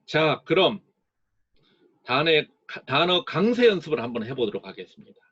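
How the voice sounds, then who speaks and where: In a recorded lecture, a male English teacher explains things slowly, sounding out words to show where the stress falls. His voice sits on the high side and is sing-song, husky, and fairly bright, captured with lo-fi sound.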